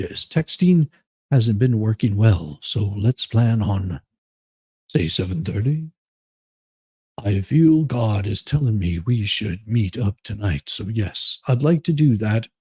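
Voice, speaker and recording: In a dramatic reading, a man portrays a stiff, earnest, non-committal character. His husky, low-toned voice is slightly mellow, and he delivers the lines in a measured, solemn way with no echo.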